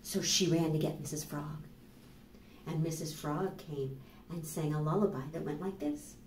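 Her voice is low-pitched as this American woman in her fifties leads a children's storytime, narrating and giving instructions in a deliberate, animated way. Recorded by a camera mic several steps off in a small plain room, the audio has roomy echo, a distant voice and a little hiss or hum.

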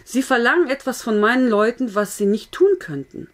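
A woman's voice: on the high side, expressive, moderate pace, natural voice. A woman voicing an elderly male village vicar who speaks in a stiff, formal, courteous way. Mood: solemn.

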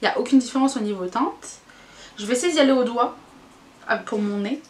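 A woman beauty vlogger gives a casual, candid makeup review in a slightly high, brisk voice. She's chatty, full of fillers and groaning exclamations, and the room is echoey with faint noise.

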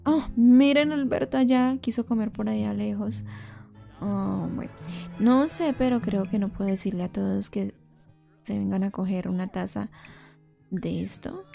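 Creaky-voiced woman narrating a life sim. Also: a little high, mellow. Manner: chatty, emotional, talks to viewers. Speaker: Sims let's-play creator. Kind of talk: casual gameplay commentary.

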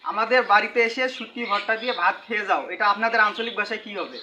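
A man working the camera who asks quiz questions in a plain, steady way during a comedy sketch. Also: high voice, fast, slight background noise.

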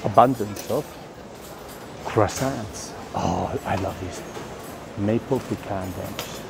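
A middle-aged man from Spain, chatty and excitable, giving a casual walking vlog tour of a cafeteria, filmed on a phone at arm's length. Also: lowish voice, takes it slowly, vocal fry. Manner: chatty, excitable, lots of fillers. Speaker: vlogger touring the food halls. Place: indoor cafeteria and dining hall. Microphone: phone camera at arm's length. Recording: noisy phone recording.

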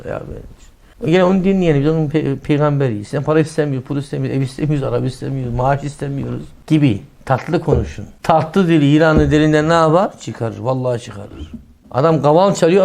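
A middle-aged male preacher giving a sermon in a lively way, acting out quoted lines in a raised voice and dropping softly for asides. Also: a little high.

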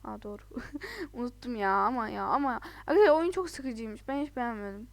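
A woman giving chatty, casual commentary while playing a video game, excitable, laughing often and exclaiming in frustration. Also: fairly high pitch, fairly quick, vocal fry, dry recording. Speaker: let's play gamer.

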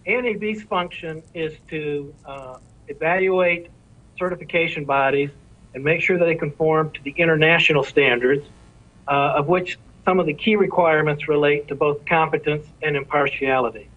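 A man interviewed as an industry executive, giving measured, careful answers that lay out points in order. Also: fairly high pitch. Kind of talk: formal explanatory answers. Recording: tinny phone line.

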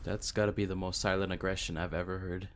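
A man's voice: sits low, flat delivery, fast, very noisy. A man hosting a compilation with voice-over commentary. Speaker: compilation host. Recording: loud music behind voice-over. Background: music.

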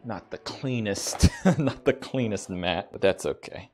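A man's voice: on the low side, expressive, unhurried, darkish tone, faint music behind. A man streaming a fitness game at home, cursing and joking in casual commentary. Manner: profane, joking, exasperated. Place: home, second floor.

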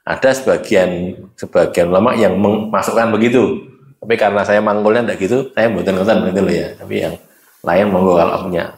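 A man's voice: low-pitched, steady tone, a little fast, echoey room. A man with a Javanese accent teaching Quran reading at a religious study, explaining patiently and chanting letters aloud. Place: mosque.

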